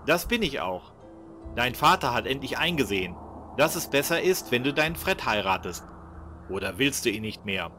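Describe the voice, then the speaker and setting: A man voicing a brisk, confident young hero in a fan-made game mod, matter-of-fact. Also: mid-range voice, very animated, bright, forceful tone, faint music behind.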